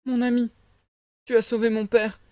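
Pantin garçon, voix d'homme, aigu, implorant, prise sèche. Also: male voice, extremely high pitch, flat delivery, moderate pace, darkish tone, dry recording, pitched above the performer's own voice. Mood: aigu, ému. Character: jeune pantin de bois, garçon naïf et ému.

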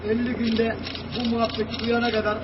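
A distraught man with a strikingly high voice pleads desperately to a news camera, repeating his words and breaking into shouts. He stands well back from the mic outdoors. The audio is dull and muffled, with a faint hiss under it. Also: monotone, fairly quick, distant mic. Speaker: protester.

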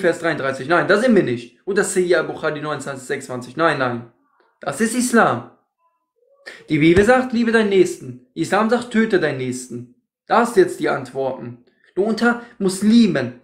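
A man's voice: sits high, reverberant. A man hosting a heated debate livestream, scolding and repeating his accusations in a combative way. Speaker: livestream host.

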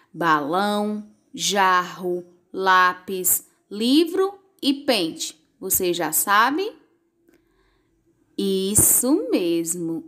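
A woman teacher talks young pupils through a lesson at an unhurried, deliberate pace. Her voice sits in an ordinary middle register. She draws out words clearly so children can follow along. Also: mid-range voice.

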